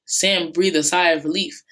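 A woman teacher reads a novel aloud to her students. Her voice is fairly low and steady, with a few small slips and restarts. The delivery is plain classroom reading. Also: takes it slowly.

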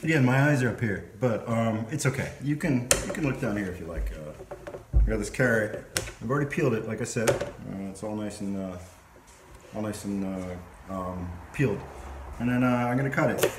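A man's voice: lowish voice, brisk. A man in his forties hosting a casual home cooking vlog, chatting playfully to the camera while he chops vegetables in his kitchen. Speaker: cooking show host. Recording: echoey kitchen with clear background noise.

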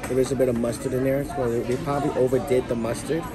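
A man's voice: mid-range voice, flat delivery, fast talker. Man reviewing food with his mouth full. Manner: effusive, repeats praise. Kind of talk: casual food taste-test vlog. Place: outdoor cruise ship dining area. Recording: noisy deck with music and crowd. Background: music and crowd chatter.

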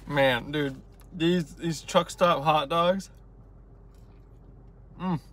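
A man talking in a chatty, excitable travel vlog from his car and roadside stops, filming himself on a handheld camera. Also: fairly high pitch, very slow. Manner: excitable, chatty, jumps between asides. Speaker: vlogger. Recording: road and car noise behind.

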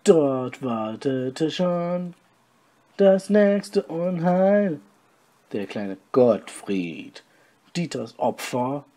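A man reading a story aloud with deadpan, mocking asides. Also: medium pitch. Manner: deadpan, mocking, comments on his own reading. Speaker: podcast host reading his story aloud.

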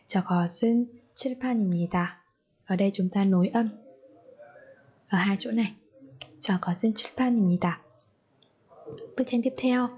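Husky-voiced woman teaching grammar. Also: medium pitch, warm tone. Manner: patient, repeats example sentences slowly, asks learners questions. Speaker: Korean language teacher. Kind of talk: grammar lesson for learners.

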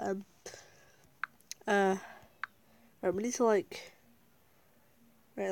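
She's a gaming video creator giving laid-back commentary while playing, chatting to viewers, giggling frequently and walking herself through each step. Her mid-range voice is slightly mellow, with no room sound at all.

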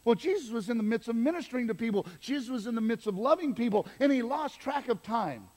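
Male pastor, animated preacher, higher voice, booming hall reverb. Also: fast. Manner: animated, emphatic preaching with asides. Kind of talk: sermon. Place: church sanctuary. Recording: long reverb of a church hall.

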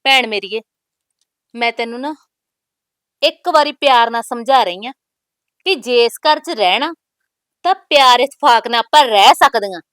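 Defiant young bride, high bright voice, dry close sound. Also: female voice, lively intonation, normal speed, pauses often, no room sound. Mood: scolding. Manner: bold, scolding, proverb-laden retorts. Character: sharp-tongued young newly married woman, defiant. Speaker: actress. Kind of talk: village family drama acting.

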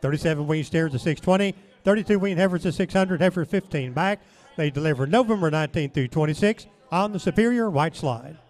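A man announcing cattle auction lots, reading catalog details in a measured, formal way. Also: fairly high pitch, darkish tone.

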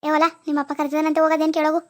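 A woman's voice: sits high, completely flat delivery, rapid-fire, close to an everyday voice. A woman voicing a strict, nagging mother-in-law. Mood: scolding. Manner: loud, nagging, commanding. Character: scolding middle-aged mother-in-law, strict and bossy.

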